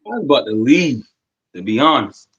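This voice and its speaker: A man who drives trucks, calling in to a live stream and talking loudly and eagerly, often repeating himself. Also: mid-range voice, fairly quick, muffled recording, background noise. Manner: loud, animated, repeats himself. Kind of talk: casual chat.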